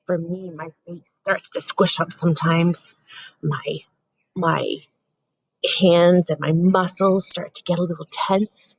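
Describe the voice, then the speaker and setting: Husky woman reading to young children. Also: lowish voice, level tone, slow, rough recording. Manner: gentle, questioning, talks to young children. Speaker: teacher. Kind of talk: picture book read-aloud.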